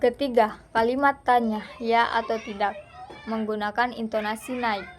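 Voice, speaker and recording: Young woman from Indonesia, student presenter, slightly high voice, measured read-aloud lesson delivery. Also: fairly even intonation, a little hiss or hum. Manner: measured, deliberate reading with pauses.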